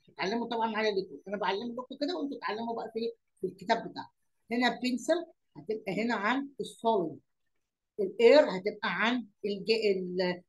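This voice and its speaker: A woman's voice: mid-range voice, poor audio. A woman with an Egyptian Arabic accent teaching young pupils. She repeats words, asks questions aloud and mixes English lesson words into her Arabic explanations.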